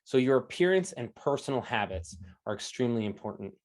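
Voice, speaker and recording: A man giving an energetic online coaching talk, standing as he speaks and often checking in with "right?" and "okay?". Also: medium pitch, fairly quick. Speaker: interview coach presenting a talk. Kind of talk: lively coaching talk to an audience. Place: indoors at home, standing while presenting.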